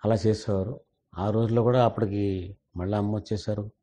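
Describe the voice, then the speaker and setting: A man's voice: on the low side, fairly even intonation, brisk, dark tone. An older man and senior journalist, earnestly telling a family story in an interview and mixing in English words.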